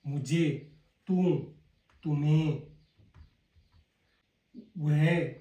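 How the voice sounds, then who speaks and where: A man with a Hindi accent teaching a casual spoken lesson, drilling words slowly one by one and calling his viewers brother. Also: fairly high pitch, fairly even intonation, dark tone. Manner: slow and repetitive, drilling words one by one, addresses viewers as "bhai". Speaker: language teacher. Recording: echoey room, voice a bit far from the mic.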